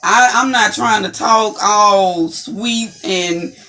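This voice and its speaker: A woman co-hosting a talk show, speaking in an animated, emphatic, preacherly way about faith and perseverance. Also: medium pitch, takes it slowly, faint music behind. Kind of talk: inspirational faith-based chat.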